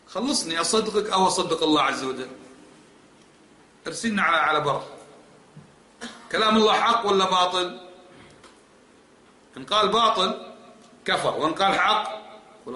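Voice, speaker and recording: This man's voice sits a little high and has a sharp edge, with slight background noise behind it. He's a religious teacher lecturing on creed in an echoey hall, pressing each point with forceful rhetorical questions.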